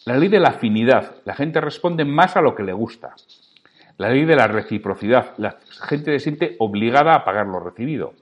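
A man's voice: medium pitch, animated, moderate pace. A man with a Spanish accent hosting a solo podcast, speaking directly and emphatically to the listener as he teaches sales.

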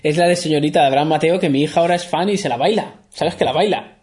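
Man, podcast co-host, casual chat, higher pitch, quick laughs. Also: a little mellow, echoey room. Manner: laughs often, playful banter.

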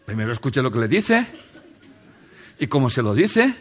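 A man's voice: medium pitch, big pitch swings, moderate pace, a little hiss or hum. A man gives a jokey motivational talk from a stage under a spotlight. He speaks straight to a seated audience and asks them questions. He laughs often as he talks.

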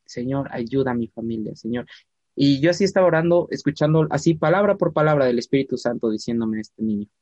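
A man of mid-range pitch recounts a church testimony during a relaxed conversation, animatedly voicing the characters he quotes and slowing for emphasis. There's no room sound, and the high frequencies are cut off.

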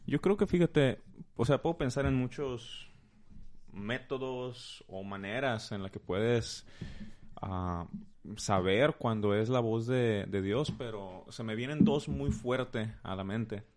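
Lively Mexican man teaching with examples. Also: mid-range voice, slow pace, a little hiss or hum. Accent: Mexican Spanish. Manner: animated, teaching with playful examples. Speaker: guest speaker.

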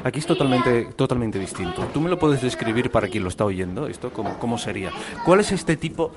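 A man's voice: medium pitch, expressive, quick pace. A man interviewing school staff on site, asking curious, prompting questions with frequent restarts. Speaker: radio interviewer. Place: school classroom with children.

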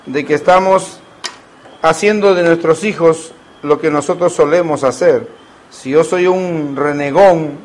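A man's voice: high voice, rough recording. A man, preaching a sermon as a pastor and asking the congregation rhetorical questions.

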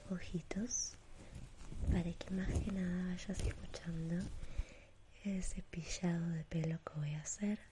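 A woman with a Rioplatense Spanish accent doing a whispered role-play as an ASMR spa attendant, in a soothing sleep-narrator manner with gentle repetition and diminutives. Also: on the low side, slight background noise. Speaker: ASMR performer giving a pampering spa treatment.

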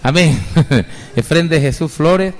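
A slow, slightly high male voice fills a large hall. He's a middle-aged pastor from Venezuela who preaches with fervor, weaving in personal testimony and repeatedly addressing the audience as brother.

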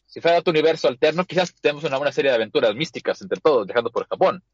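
Man doing a slow, courtly foreign doctor. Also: on the high side, no room sound, muffled recording, lightly acted. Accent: put-on American accent in Spanish. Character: wandering foreign male doctor, genteel and solemn.

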